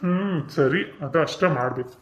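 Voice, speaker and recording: A man's voice: on the high side, moderate pace, lightly acted. A man voicing an easygoing, generous middle-aged village husband in a cartoon, with a North Karnataka Kannada accent.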